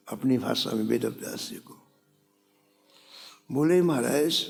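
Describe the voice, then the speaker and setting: A man's voice: medium pitch, gravelly. A man preaching a sermon, telling a devotional story and briefly acting out the characters' lines. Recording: long hall reverb.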